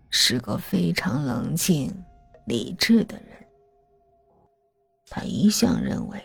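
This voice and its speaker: A cruel older master of a grand house, as a woman narrator puts him on, murmuring in a slow, breathy half-whisper. He never hurries, savoring every threat with a calm, smiling menace, voiced close and dry for a spoken horror story. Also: medium pitch, dry recording, voice pushed up, heavily acted. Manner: slow, soft, gloating and unhurried. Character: smiling cruel older male mansion owner.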